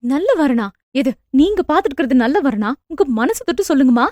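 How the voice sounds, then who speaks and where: Audio novel figure, reproachful young wife played by a woman, sharp and emphatic, high voice, dry sound. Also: animated, quick pace, no room sound. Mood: angry. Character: angry young married daughter, reproachful.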